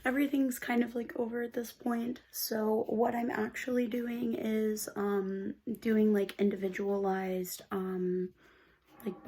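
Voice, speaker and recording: A woman's voice: medium pitch, a little mellow, breathy edge. A woman vlogger talking casually to her camera in a chatty way, with lots of "like" and "um". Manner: chatty, full of "like" and "um". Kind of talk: casual vlog chat to camera.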